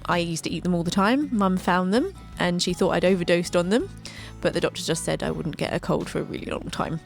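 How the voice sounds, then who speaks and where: A young woman in her twenties tells her life story as scripted narration, with light joking asides along the way. Her voice sits low and carries a gravelly, creaky edge, with soft music faintly behind her. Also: fairly quick. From England. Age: 20s. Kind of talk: scripted narration over a drawing video.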